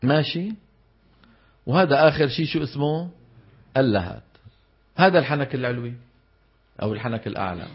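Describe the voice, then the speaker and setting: On a dull, lo-fi lecture recording, a man with a Levantine Arabic accent teaches Quran recitation, quizzing the class, answering his own questions, and stressing terms' exact vowels. His medium-pitched voice is animated, fairly quick and breathy-edged, broken by long pauses.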